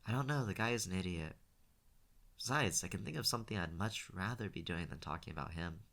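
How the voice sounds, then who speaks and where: Sean, a quiet, reluctant young man, as a reader voices him. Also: sits low, gravelly. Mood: hesitant. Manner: hesitant, halting.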